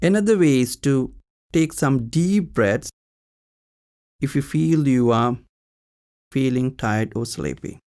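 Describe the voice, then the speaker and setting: Speaking in a mid-range voice, a male teacher leads a guided meditation. His calm phrases are brief and instructional, with long silences between them.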